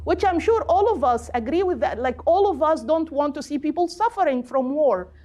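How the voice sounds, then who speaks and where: A middle-aged native Arabic speaker with an Egyptian accent, a political activist appearing as a guest speaker, delivers an unscripted political talk in an earnest, deliberate way. Her voice is high, animated, and a touch mellow.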